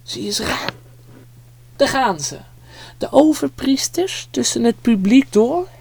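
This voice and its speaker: A storyteller telling a Bible story to small children, drawing them in with dramatic, vivid telling. The pace is slow and deliberate. The sound is close and completely dry. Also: medium pitch, expressive, gravelly, a little mellow, breathy edge, no echo.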